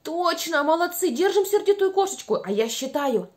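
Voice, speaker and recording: A young woman with a high voice leads small children through speech exercises. She is playful and encouraging, animated in delivery, and over-enunciates her words. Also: moderate pace. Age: young adult. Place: small room at home by a window.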